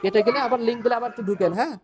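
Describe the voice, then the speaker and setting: A man's voice: very high-pitched, racing, slight background noise. Man teaching online. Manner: explains step by step, checks in with students. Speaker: English teacher. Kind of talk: online class lecture.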